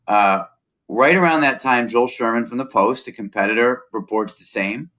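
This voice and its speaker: A male reporter, a guest in a casual chat, recounting events in a measured, explanatory way. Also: medium pitch, pushed and bright.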